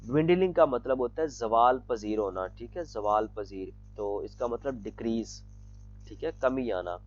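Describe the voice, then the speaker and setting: A man's voice: mid-range voice, animated, a little slow, darkish tone, highs cut off, faint music behind. A man patiently teaching vocabulary, often repeating himself and addressing students as children. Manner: patient, repeats "theek hai" and calls students "bete". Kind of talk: explaining vocabulary lesson.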